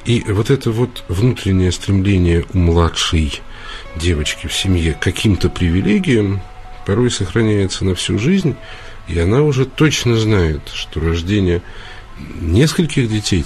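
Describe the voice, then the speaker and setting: A man's voice: deep voice, lively intonation, moderate pace, a little mellow, soft background music. A man hosting a radio call-in show, lecturing earnestly and emphatically, with hesitations. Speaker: radio host, psychologist.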